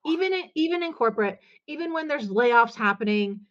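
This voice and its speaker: A woman's voice: on the high side, animated, a little fast, muffled recording. A woman guest, a business coach, talking in a casual podcast chat with an upbeat, emphatic, motivational manner.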